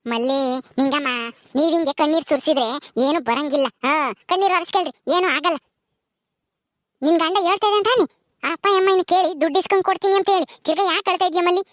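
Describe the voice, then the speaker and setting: A woman voicing an elderly village woman who scolds and consoles in drawn-out rural speech, in a village drama. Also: extremely high pitch, no room sound, studio quality. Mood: consoling.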